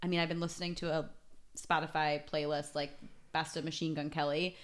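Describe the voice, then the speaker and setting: A young woman co-hosting a podcast, telling a story in casual chat, lively and full of "like"s as she acts out what people said. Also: sits low, fairly quick. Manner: animated storytelling with many "like"s and acted-out quotes. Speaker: podcast co-host.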